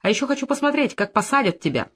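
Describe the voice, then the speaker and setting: A man's voice: very high-pitched, sing-song, fast, pushed and bright, slightly rough, pitched above the performer's own voice, exaggerated voice. A reader voicing Babarykin, a spiteful, vengeful man who hurls malicious threats.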